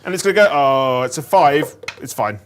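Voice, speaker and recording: A man's voice: mid-range voice, expressive, moderate pace, slight background noise. A man playing a tabletop wargame, calling out his moves playfully and throwing in silly sound effects. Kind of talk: casual banter during a game.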